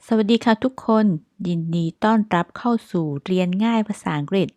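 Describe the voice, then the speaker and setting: A woman with a Thai accent teaching English phrases, explaining in Thai and repeating each example slowly and carefully. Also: medium pitch, darkish tone, dry recording, studio quality. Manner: reads example sentences very slowly and clearly, twice.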